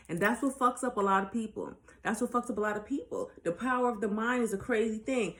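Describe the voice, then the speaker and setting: Blunt, preachy woman life coach. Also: medium pitch. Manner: emphatic, with repeated rhetorical questions. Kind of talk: casual motivational monologue. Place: at home, recording on her own.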